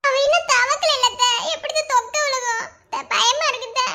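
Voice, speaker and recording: A woman's voice: very high-pitched, a little fast, sharp tone, a little hiss or hum, heavily acted. A woman playing a frightened young mother who pleads tearfully with her mother-in-law in a family skit. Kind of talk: amateur village drama acting.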